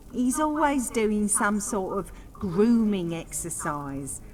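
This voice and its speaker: A woman's voice: medium pitch, a bit bright. A woman playing a shrewd, plainspoken bookmaker at a fight pit in a fantasy video game. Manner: folksy, plainspoken. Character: brisk shrewd female fight-pit bookmaker, daughter of a gambler. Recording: hall reverb, faint noise.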